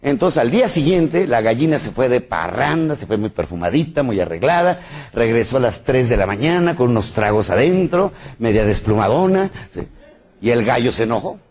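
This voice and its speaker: Animated, husky Mexican seminar speaker. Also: male voice, medium pitch, moderate pace. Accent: Mexican Spanish. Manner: animated, quizzes the audience with frequent tag questions. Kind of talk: live business lecture with jokes.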